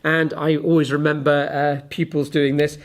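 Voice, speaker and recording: Chatty male physics teacher explaining calmly. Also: on the high side, noisy background. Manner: chatty, fills pauses with ums, demonstrates with objects. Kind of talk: relaxed classroom explanation to camera.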